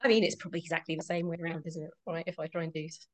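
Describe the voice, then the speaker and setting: British lady voice actor, kinda low voice, chatty, lots of ums. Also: steady tone, very fast, a little mellow. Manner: chatty, with frequent ums and laughs. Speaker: voice actress guest. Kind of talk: casual interview answers.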